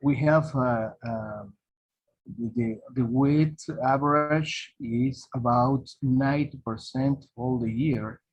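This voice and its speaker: Hesitant man, slow and breathy. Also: mid-range voice. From Peru. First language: Spanish. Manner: halting, hesitant, many restarts. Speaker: participant. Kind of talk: conversation on a video call. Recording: muffled lo-fi call audio.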